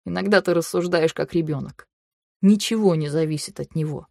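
A woman reading the part of a stern, condescending young man who lives by the rules, speaking slowly and low. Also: vocal fry, a little mellow, no echo, studio quality. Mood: patronizing.

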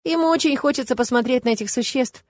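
A woman narrating an audiobook in an even storytelling manner. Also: high voice, quick pace, no room sound. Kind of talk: scripted narration.

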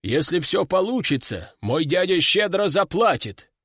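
A man's voice: sits high, big pitch swings, a little slow, a bit bright, slightly rough, no echo, clean studio sound, heavily acted. A man voicing an arrogant, touchy young male aristocrat who speaks haughtily. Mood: haughty. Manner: haughty, indignant.

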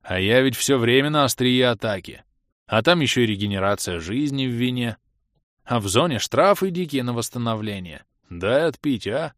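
A man's voice: mid-range voice, animated, normal speed, a bit bright, no room sound, clean studio sound, close to an everyday voice. A man voicing a big growling armored warrior in an audiobook. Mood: coaxing. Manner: growling, coaxing. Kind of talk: audiobook character voice.

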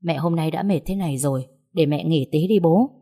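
A woman's voice: low-pitched, a little fast, warm tone. A woman voicing an earnest grown son who pleads with and then scolds his mother, in a storybook reading. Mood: pleading.

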